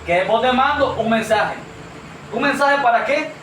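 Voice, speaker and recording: A man's voice: very high voice, lively intonation, normal speed, fairly bright tone, a little hiss or hum. A man preaching a sermon to a congregation, earnest and questioning, calling them brother. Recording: echoey room from far off.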